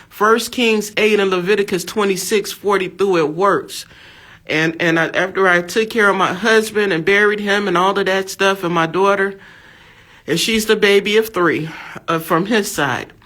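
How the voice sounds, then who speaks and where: A woman's voice: medium pitch, a bit bright. An American woman in her fifties giving a fervent religious testimony, emphatic and exhortative, repeating her phrases. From USA. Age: 50s. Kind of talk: fervent preaching monologue.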